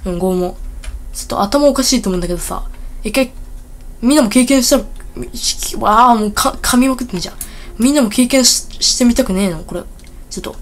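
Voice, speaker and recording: A woman hosting a casual gameplay video, rambling and excitable with blunt, rough speech, talking a little thickly from a bitten tongue. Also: on the high side, fast. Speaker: gaming video host.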